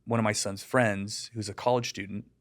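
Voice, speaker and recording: In an interview, the American deputy and digital safety educator, a middle-aged man, speaks at normal speed in a fairly low voice. His storytelling is casual and animated, full of fillers, and he plays out the voices of people he quotes.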